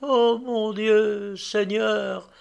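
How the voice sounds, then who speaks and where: In an audiobook reading, a man voices a terrified young maidservant in a high, pleading, drawn-out voice. His delivery is very animated.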